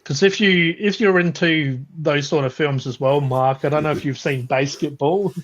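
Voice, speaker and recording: A man's voice: on the high side, moderate pace. A man chatting casually about films on a live stream, rambling with frequent restarts and laughs. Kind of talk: casual chat.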